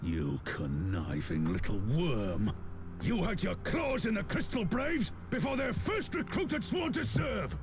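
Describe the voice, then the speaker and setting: A man's voice: sits high, big pitch swings, measured pace, noisy background. A man playing an angry, accusing general in scripted video game dialogue. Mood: threatening.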